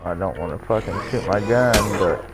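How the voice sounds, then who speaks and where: Deep-voiced man streaming. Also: moderate pace. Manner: crude, joking, laid-back. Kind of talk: casual live game commentary.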